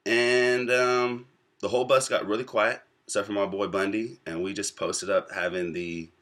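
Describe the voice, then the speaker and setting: A young American man in his twenties talks straight to his viewers, recounting a personal story. His voice sits low and comes out with a forceful edge. He pauses often between thoughts as he works through what he wants to say. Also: flat delivery. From United States. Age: 20s. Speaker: vlogger. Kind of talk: casual storytelling to camera.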